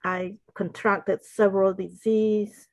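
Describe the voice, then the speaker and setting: Slow, earnest older woman from Cambodia. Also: medium pitch, level tone, no room sound, low-quality recording. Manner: slow, earnest, faith-filled storytelling. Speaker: podcast guest, wellness consultant. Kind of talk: interview answers, personal testimony.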